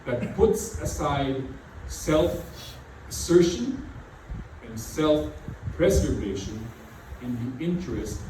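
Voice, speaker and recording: This middle-aged non-native English speaker delivers a sermon as a pastor in a mid-range, dark-toned voice, very animated yet slow. His repeated phrases come with frequent "you know" fillers. The church hall echoes heavily, the mic sits far away, and noise runs underneath.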